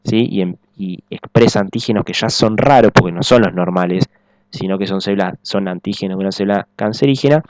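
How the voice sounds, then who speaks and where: A man's voice: fairly low pitch, a little mellow, no room sound. A man giving a recorded biology lecture, explaining step by step and checking in often with the class. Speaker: teacher.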